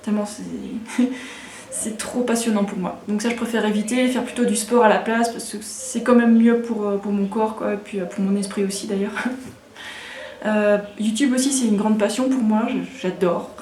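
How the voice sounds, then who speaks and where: A woman's voice: mid-range voice, fairly even intonation, moderate pace, darkish tone. Casual French woman in an echoey room. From Alsace, France. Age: 30s. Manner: rambling and frank, with frequent fillers and restarts. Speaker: vlogger answering viewer questions. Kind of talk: casual chat.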